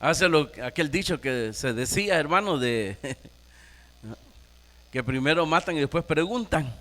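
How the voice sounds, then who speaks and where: A Nicaraguan pastor preaching a sermon, emphatic, firing rhetorical questions at the congregation. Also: male voice, on the high side, lively intonation, takes it slowly, a bit bright, big-room sound.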